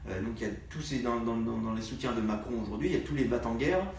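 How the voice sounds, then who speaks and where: Halting man, distant and echoey. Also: mid-range voice, slight background noise. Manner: halting, many fillers. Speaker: party activist. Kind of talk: live political discussion. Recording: distant echoey room sound.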